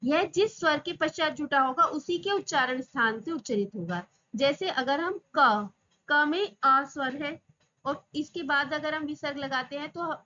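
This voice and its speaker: In a slightly muffled, lo-fi recording, a high-voiced woman with a bright tone leads an exam-prep lesson. She raises her own questions and supplies the answers, drawing out each example sound slowly.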